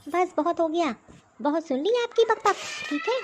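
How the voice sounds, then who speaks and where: A woman voicing a sharp-tongued, defiant young daughter-in-law in a cartoon story. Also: very high voice, expressive, moderate pace, a little hiss or hum. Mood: indignant. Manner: talking back, defiant.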